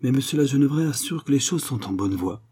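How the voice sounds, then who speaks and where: A man's voice: medium pitch, animated, fast, mellow, slightly rough, pitched above the performer's own voice. A man voicing an anxious young actress in a storybook, hesitant and hopeful, his voice raised.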